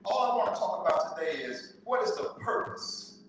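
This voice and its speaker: Animated preacher man in an echoey hall. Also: high voice, moderate pace, a little hiss or hum. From Southern United States. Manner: animated storytelling preacher, call and response. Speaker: pastor. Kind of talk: sermon. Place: church sanctuary. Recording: echoey church hall from far off.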